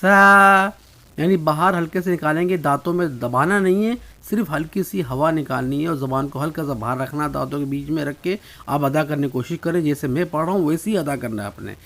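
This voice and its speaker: A man with a somewhat high voice gives a spoken pronunciation lesson. He says each letter sound slowly and repeats it, patiently urging listeners to copy him. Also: vocal fry. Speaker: Arabic pronunciation teacher.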